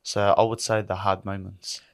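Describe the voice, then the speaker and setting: A man's voice: deep voice, level tone, normal speed, vocal fry. A man around thirty, from Lebanon, talking candidly and reflectively as a podcast guest, often saying "you know". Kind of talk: candid interview talk.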